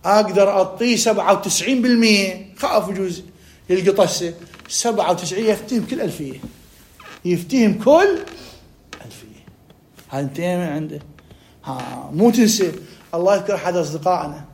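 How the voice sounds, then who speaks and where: A man with an Iraqi accent teaching an Arabic grammar lesson. He reads text slowly, asks questions and answers them himself. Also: high-pitched. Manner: reads text slowly, then talks fast in dialect.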